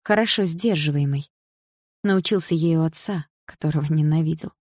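A woman narrating an audiobook with a lowish voice and a measured, even storytelling manner. The recording is dry and close, with no room sound. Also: dry recording.

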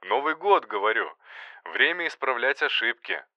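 A man doing a bright, pleading friend. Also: medium pitch, big pitch swings, moderate pace, no room sound, highs cut off, pitched above the performer's own voice. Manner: pleading, sighing. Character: reflective male friend on the phone.

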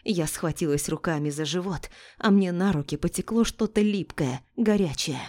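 A woman's voice: lowish voice, moderate pace, darkish tone. A woman reading a dramatic first-person story as narrator.

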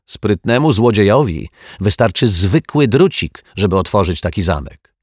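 A man's voice: on the low side, animated, moderate pace, darkish tone, breathy edge, no room sound, studio quality, voice pushed up. A man reading a children's story, voicing a confused building caretaker who hesitates and stammers as he talks. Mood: flustered.

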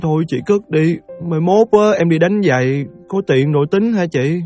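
A man's voice: fairly high pitch, animated, moderate pace, warm tone, natural voice. An actor with a Southern Vietnamese accent playing a thin, loyal young shoeshine boy who talks chattily and deferentially, over faint music. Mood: affectionate.

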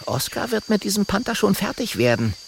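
Brief: man playing earnest little storybook dragon, lightly raised and lively. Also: high voice, brisk, vocal fry, slight background noise, voice pushed up, heavily acted. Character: friendly clever little male fire dragon.

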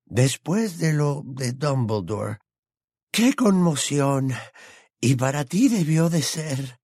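A man voicing a quavering old wizard, high and halting. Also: very animated, mellow, slightly rough, no room sound, clean studio sound, full character voice. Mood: fond. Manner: slow, quavering, earnest delivery. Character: old male wizard, emotional and fussy. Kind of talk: audiobook character voice.

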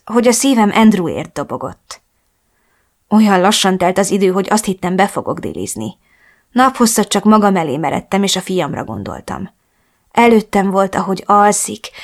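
A woman narrating a first-person romance novel in a soft, reflective reading voice. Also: medium pitch. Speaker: audiobook narrator.

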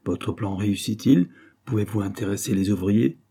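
A man's voice: on the low side, normal speed, vocal fry, dark tone, breathy edge. A man voicing a genial, good-humoured middle-aged mill owner, speaking heartily. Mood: hearty. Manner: hearty, laughing delivery.

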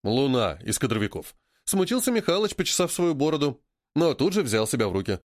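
A man's voice: on the high side, fast talker, no room sound, clean studio sound. A man narrating an audiobook and voicing its characters. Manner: lively, voicing many characters.

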